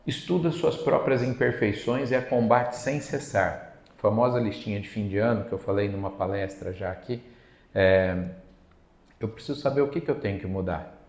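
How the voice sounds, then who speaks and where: A man's voice: fairly low pitch, normal speed, darkish tone. A man from Brazil giving an evening spiritist lecture in a conversational way, acting out quoted dialogue. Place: spiritist center meeting hall. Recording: echoey lecture hall.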